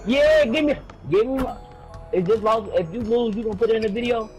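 High-voiced man trash-talking over game music. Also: fast talker, a little mellow. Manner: boastful, swearing, sing-song jabs. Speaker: gamer on voice chat. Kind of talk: trash-talking gameplay chatter.

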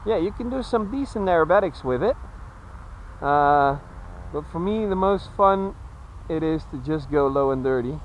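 A man casually commentating as he flies a model jet outdoors, relaxed and chuckling. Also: a little high, lo-fi sound, a little hiss or hum. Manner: relaxed, chuckling, talks slowly while flying. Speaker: RC jet pilot reviewer. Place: outdoor flying field.

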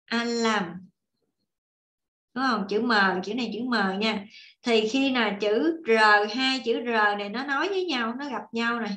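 A fairly high-voiced woman teaches an online language class. She talks casually and patiently, repeating each example as she writes it. The audio sounds echoey, like a computer call. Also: fairly bright tone. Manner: patient, repeats and demonstrates while writing.

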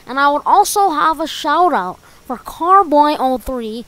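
A woman giving a loud, upbeat channel sign-off. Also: high voice, animated, measured pace. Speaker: vlogger. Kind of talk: channel outro.

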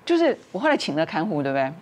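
A woman's voice: sits low, big pitch swings, very fast. A woman, a talk show guest telling a family story and acting out the quarrels in raised voices.

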